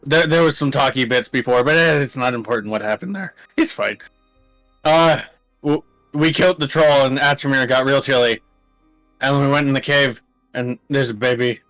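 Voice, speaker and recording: A man's voice: medium pitch, normal speed, fairly bright tone, faint music behind, poor audio. Rambling, crude young man recapping a tabletop game. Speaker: player. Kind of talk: casual tabletop banter and recap.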